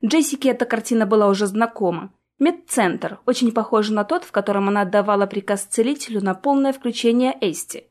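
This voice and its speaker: A woman narrating a fantasy audiobook in a steady, even storytelling manner. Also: mid-range voice, fairly quick, hardly any pauses. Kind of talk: scripted narration.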